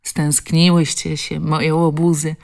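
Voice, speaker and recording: A woman voicing Basia, an anxious village woman who is gentle with her animals, in an audiobook. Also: low-pitched, normal speed. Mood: tender.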